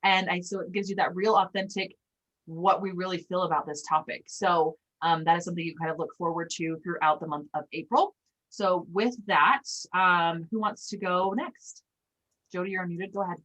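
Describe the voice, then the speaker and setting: A woman's voice: lowish voice, steady tone, moderate pace, fairly bright tone, dull audio. A woman from Utah hosting a casual video-call training panel, chatty and rambling with lots of ums. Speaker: panel host.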